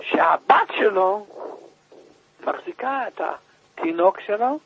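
A man preaching by telling a story with emotion, rising now and then to loud, high cries. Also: big pitch swings, breathy edge, lo-fi sound. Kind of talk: storytelling sermon.

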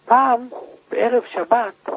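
High, husky man telling a sermon story. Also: fairly even intonation, no room sound, highs cut off. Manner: emotional, swings to loud high cries. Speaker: preacher.

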